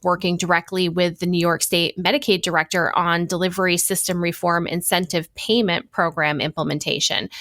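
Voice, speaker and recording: A woman's voice: on the low side, bright, forceful tone, no echo, studio quality. A woman hosting an interview podcast, reading a guest introduction and asking friendly questions. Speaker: podcast host.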